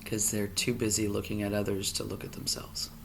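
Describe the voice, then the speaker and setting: A man speaking a personal monologue, halting and emotional, often dropping to a near whisper. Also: lowish voice, little pitch movement, vocal fry, background noise. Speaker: vlogger.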